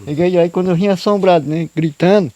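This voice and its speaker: A man's voice: high voice, a little fast, dark tone, no room sound, dull audio. A man, telling a true story in a rambling, repetitive, folksy way, often adding "né?". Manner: rambling, repetitive folksy narration with frequent "né?" and "eu digo". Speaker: storyteller guest. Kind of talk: casual spoken storytelling of a true tale.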